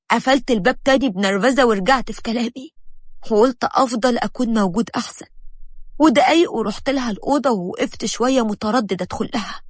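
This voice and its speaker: A woman with an Egyptian accent narrating a first-person drama in a brisk, dramatic manner. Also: a little high, no room sound, studio quality. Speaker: storyteller.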